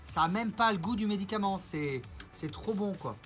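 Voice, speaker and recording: A man's voice: sits high, animated, moderate pace, fairly bright tone, faint music behind. A man ranting in a casual vlog, mocking and rambling, with theatrical asides to his viewers. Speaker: YouTuber.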